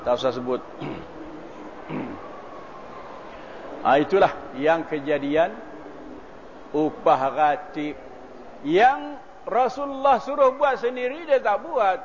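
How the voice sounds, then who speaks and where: Man preaching. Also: on the high side. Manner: lively storytelling, often clears throat. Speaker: religious preacher. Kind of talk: storytelling sermon. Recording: dull lo-fi recording with faint hiss.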